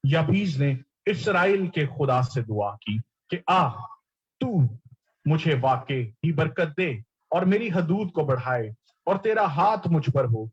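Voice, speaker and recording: A man's voice: on the high side, husky, muffled recording. A man preaching a sermon, explaining scripture and repeating key words, often mixing English terms into his teaching.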